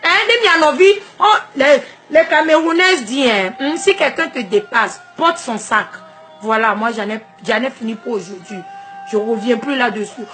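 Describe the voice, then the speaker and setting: High, fiery Togolese woman ranting. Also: moderate pace, faint music behind. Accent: Togolese French. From Togo. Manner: emphatic and confrontational, swinging between shouting and soft asides. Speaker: social media vlogger. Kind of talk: direct-to-camera personal rant.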